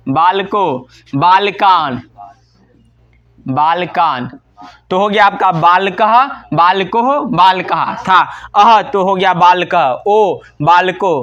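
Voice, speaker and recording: A man teaching Sanskrit grammar in a class, quizzing his students with "what will it become?" and then giving the answer himself, slowing right down to draw out each word form. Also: high voice, bright, forceful tone, lo-fi sound. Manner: drills by asking and answering his own questions; slows down and stretches words while reciting forms.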